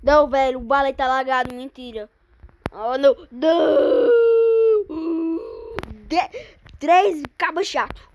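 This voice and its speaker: A woman with a Brazilian Portuguese accent giving excitable gameplay commentary, often breaking into panicked exclamations. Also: high-pitched, normal speed. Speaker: gamer streamer.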